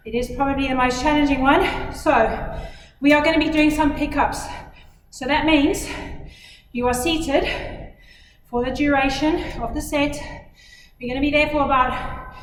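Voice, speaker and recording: A woman's voice: high-pitched, steady tone, a little slow, long pauses, slight background noise. A woman in her thirties coaching a spin class while cycling hard, out of breath, calling out commands and countdowns with effort. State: out of breath from exertion. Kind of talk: motivational fitness class coaching while riding. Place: indoor gym spin studio, far camera. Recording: echoey gym studio from far off, loud music. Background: workout music.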